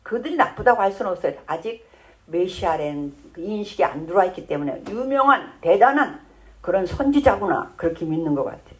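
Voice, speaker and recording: A woman's voice: on the low side, lively intonation, a little fast. A woman pastor preaching a sermon in a church, telling the Bible story in a conversational way and acting out the lines of its characters.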